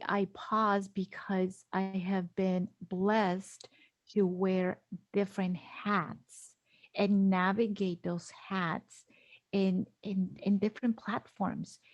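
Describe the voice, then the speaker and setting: As a podcast guest, a middle-aged woman from Guatemala tells personal stories in an interview, speaking slowly at medium pitch. She's earnest and emphatic, often repeating a phrase for weight, and the audio is dry with no room echo and the highs cut off.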